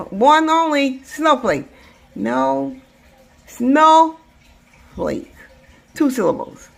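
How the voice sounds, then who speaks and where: Female teacher, phonics lesson, lively pitch, sounds words out and repeats them. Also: vocal fry. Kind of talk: slow, drawn-out phonics lesson.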